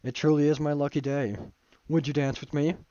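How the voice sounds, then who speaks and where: A man reading the lines of a folksy old male chicken-restaurant colonel in a dating game, in a salesman-like, unhurried way. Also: fairly high pitch, flat delivery, mellow, no room sound, natural voice. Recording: dull dry stream audio.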